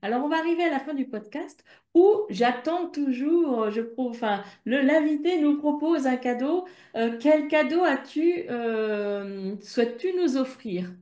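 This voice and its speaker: A woman with a French accent hosting a podcast, talking gently and guiding listeners. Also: sits high, animated, measured pace. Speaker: podcast host. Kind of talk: casual podcast interview. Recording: roomy echo.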